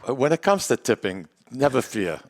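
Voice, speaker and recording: A man co-hosting a casual podcast chat, quick with quips and teasing. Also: mid-range voice, big pitch swings. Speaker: podcast co-host.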